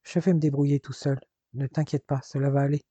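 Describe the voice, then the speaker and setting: A brooding young man in a spoken novel who dodges questions, voiced by a male reader. The voice is husky and mellow, and he keeps his answers short and dismissive. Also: mid-range voice, flat delivery, a little fast, dry recording, muffled recording, natural voice. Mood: evasive. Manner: curt, brushing things off.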